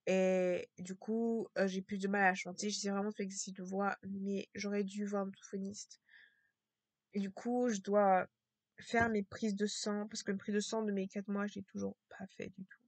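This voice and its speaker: A woman talking to camera in a casual vlog with a low, strained voice, hesitant and repetitive, full of fillers and restarts. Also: flat delivery, normal speed, no room sound. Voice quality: low, gravelly voice.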